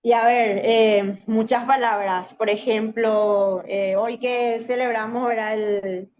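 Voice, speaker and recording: A woman's voice: a little high, steady tone, takes it slowly, a little mellow, muffled recording. A woman from Paraguay with a Paraguayan Spanish accent, a Guaraní teacher answering radio interview questions in an explanatory way that keeps tagging "¿verdad?". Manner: explanatory, often adds "¿verdad?". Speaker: guest, Guaraní language teacher.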